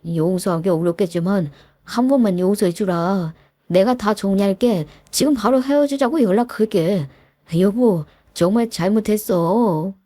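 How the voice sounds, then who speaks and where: A woman's voice: mid-range voice, normal speed, warm tone, no echo, close to an everyday voice. A woman voicing a cheating husband who grovels and begs forgiveness in a told story. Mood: groveling. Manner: groveling, pleading apologies. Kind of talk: storytelling with voiced characters.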